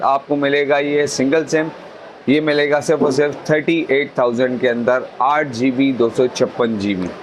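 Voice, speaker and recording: A man's voice: mid-range voice, a little hiss or hum, poor audio. A man with a Pakistani accent presenting products for a phone shop in a repetitive, salesman-like promotional patter. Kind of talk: promotional sales pitch listing phone models and prices.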